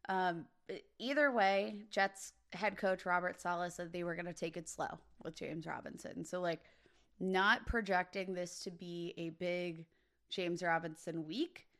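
A woman co-hosting a podcast in casual chat, slightly hoarse, with a relaxed, loose delivery full of "um" and "like". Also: fairly low pitch, a little slow. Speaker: podcast co-host.

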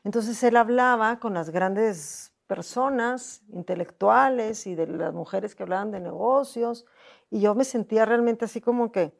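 Her voice is fairly high with some vocal fry as this middle-aged Mexican woman, a guest on an interview, emotionally recounts something from her own life. She keeps circling back to the same points and performs the voices of people who spoke to her.

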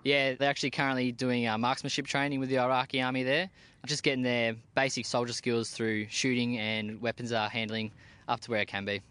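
A young Australian man, an army team leader, answering interview questions outdoors in a plain-spoken, relaxed way with casual slang. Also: medium pitch, fairly quick, smooth. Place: outdoors at a military base.

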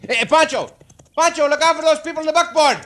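An actor in a 1940s radio drama playing Cisco, a dashing, gallant caballero with a Mexican accent who stays cool and polite. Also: male voice, very high voice, quick pace, fairly bright tone. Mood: alarmed. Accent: Mexican Spanish. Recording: noisy old radio broadcast.

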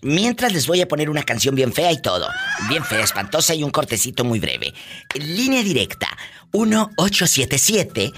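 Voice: mid-range voice, wildly swooping pitch, normal speed, noisy background. A radio host hosting a comic live call-in show, sassy and theatrical, teasing the callers.

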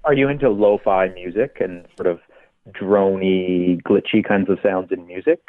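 A man's voice: deep voice, steady tone, normal speed, no room sound. A man on a phone call, a gardener and plant scientist being interviewed, polite and courteous in casual chat. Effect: over the phone. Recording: tinny dry phone line.

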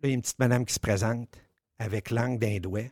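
A man with a Quebec French accent telling a story on the radio, animated, swearing and acting out the dialogue. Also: medium pitch, fast talker, no echo, clean studio sound.

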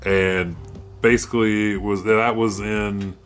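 A man's voice: fairly low pitch, level tone, takes it slowly, clear, resonant tone, faint music behind. A man co-hosting a casual podcast, telling rambling, profane stories with lots of restarts. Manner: rambling storyteller, curses a lot, restarts often. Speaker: podcast co-host. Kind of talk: casual chat.

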